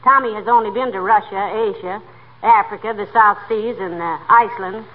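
Actress as a wry radio wife, tinny recording. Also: female voice, mid-range voice, moderate pace, natural voice. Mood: amiable, wry. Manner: wry, teasing. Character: dry-witted, patient wife needling her husband. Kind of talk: 1940s radio comedy acting. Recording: noisy tinny 1940s radio broadcast.

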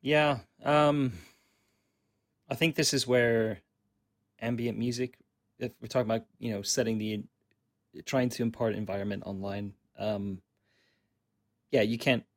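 A man's voice: medium pitch, fairly even intonation, unhurried, pauses often. Thoughtful, hesitant man in casual chat. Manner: thoughtful, hesitant, many ums and restarts. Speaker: podcast co-host.

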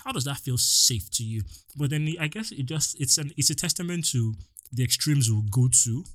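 A young man with a Nigerian accent hosting a solo podcast, talking in an animated, exasperated way straight to his listeners. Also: mid-range voice, no echo, clean studio sound. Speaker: podcast host.

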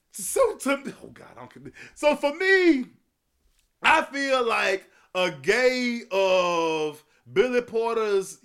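A man's voice: extremely high pitch, a bit bright. A man hosting a podcast, giving a profane, sarcastic solo rant of commentary. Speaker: podcast host.

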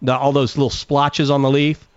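A man's voice: mid-range voice, level tone, normal speed, dry recording. Male radio host, plain folksy advice, dry close sound, a bit muffled. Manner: direct, folksy, advice-giving. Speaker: radio gardening call-in host. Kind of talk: radio call-in talk and live ad read.

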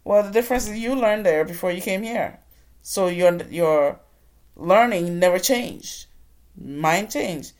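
A Ghanaian woman, working as a motivational speaker, tells her own story in an inspirational talk, addressing the audience in an earnest, preacher-like way. Her voice is lowish, expressive and a little mellow, and she speaks at a measured pace.

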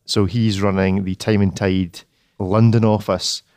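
A man's voice: on the low side, level tone, measured pace, a little mellow, no room sound, clean studio sound. A Scottish man hosting a podcast in casual chat, loose and joking. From Scotland. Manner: chatty, laughs often, loose and joking. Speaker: podcast host. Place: outdoors in a public place.

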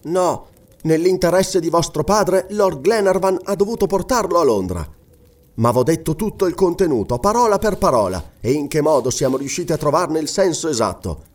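A man voicing a noble lady, gentle, measured, reassuring, storybook reading. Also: on the high side, expressive, voice pushed up. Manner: measured, soothing. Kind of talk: audiobook reading.

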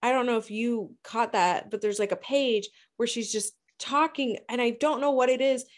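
A woman co-hosting a casual book discussion, blunt and swearing freely with quick asides. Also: on the high side. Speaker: book podcast co-host.

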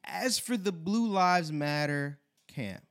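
Emphatic man with a fairly high voice. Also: animated, takes it slowly, clean tone. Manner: emphatic and wry, speeds up when making a point. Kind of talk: conversational discussion.

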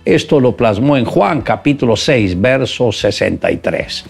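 A man's voice: mid-range voice, lively intonation, measured pace, gravelly, breathy edge, faint music behind. A man preaching an earnest sermon, exhorting listeners, then leading a prayer.

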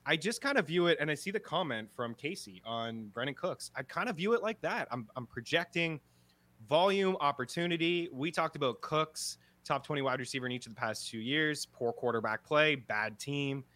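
A man with a Canadian accent, co-hosting a podcast in casual chat and thinking aloud with quick restarts. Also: fairly high pitch, expressive, a bit bright, dry recording. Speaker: podcast co-host.

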